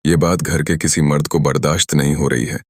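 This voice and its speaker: Super deep voiced guy narrating a kids cartoon story, dry close mic. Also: fairly even intonation, brisk, a little mellow, slightly rough, no echo.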